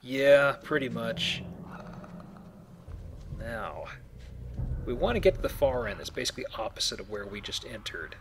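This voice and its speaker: A man hosts a let's play, commenting on his video game in a casual, wry manner. His mid-range voice is expressive and unhurried, and he pauses often. Faint noise and game ambience can be heard behind him.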